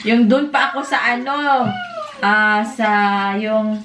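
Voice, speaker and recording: A woman in her thirties with a Filipino accent, chatting casually to viewers while cooking at home and breaking off to hush her toddler. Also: a little high, takes it slowly, a little hiss or hum. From Philippines. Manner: switches between chatting to viewers and scolding a toddler. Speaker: vlogger and mother. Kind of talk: casual cooking vlog chat. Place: home kitchen. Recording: echoey room from a distance.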